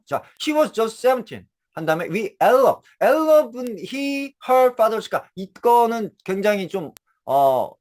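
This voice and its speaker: A man teaching English phrases in a casual spoken lecture, often checking that listeners follow, with a Korean accent. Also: high voice. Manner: animated, repeats checks with listeners.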